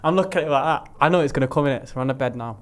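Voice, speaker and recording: A young man, a footballer and co-host, telling stories in lively slang and acting out other people's lines. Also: medium pitch, racing. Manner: animated storyteller, acts out quotes, slangy. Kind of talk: casual chat.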